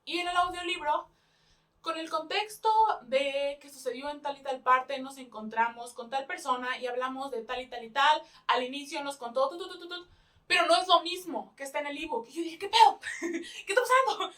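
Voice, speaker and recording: Chatty high-voiced Mexican woman. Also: normal speed, sharp tone, distant mic. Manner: chatty, laughs often, rephrases with "o sea". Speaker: book reviewer. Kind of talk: casual book review chat.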